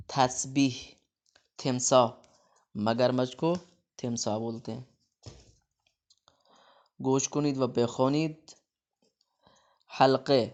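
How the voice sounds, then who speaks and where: A man with a Pakistani Urdu accent teaching a Persian lesson, saying each word louder and then explaining it more quietly. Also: medium pitch. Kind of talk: classroom-style lesson explaining vocabulary.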